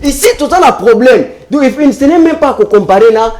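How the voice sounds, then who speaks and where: A man's voice: very high voice, animated, moderate pace, darkish tone. A man arguing his point in a heated political debate on a talk show, emphatic and repetitive, mixing French with Lingala. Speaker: debate panelist.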